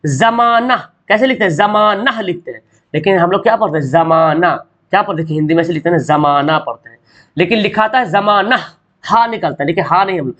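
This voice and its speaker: High-voiced man teaching grammar. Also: lively intonation, fairly bright tone, lo-fi sound. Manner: repeats questions and answers them himself; drawn-out sounds to show pronunciation. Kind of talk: online grammar lesson.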